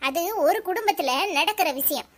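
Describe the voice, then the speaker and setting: A woman's voice: extremely high pitch, lively intonation, moderate pace, fairly bright tone. A woman with a Tirunelveli Tamil accent voicing a worried young wife in a cartoon, urging her husband. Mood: pleading. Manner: pleading, urging.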